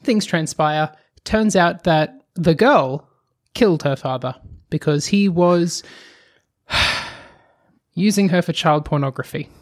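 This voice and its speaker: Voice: mid-range voice, slow. A podcast co-host in casual chat who explains at length, speeding up in bursts and sighing now and then.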